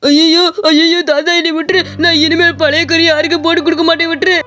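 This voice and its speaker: A woman's voice: fairly high pitch, fairly even intonation, fast, clear, resonant tone, faint music behind, natural voice. A woman voicing a greedy, cowardly male mutton seller in a cartoon story, scheming and pleading. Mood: panicked pleading. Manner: scheming, then panicky pleading.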